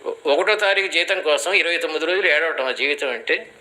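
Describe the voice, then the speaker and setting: A man's voice: fairly high pitch, a little fast, bright, forceful tone, rough recording. An older man giving motivational advice in an interview, teaching through everyday parables. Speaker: guest speaker, life coach.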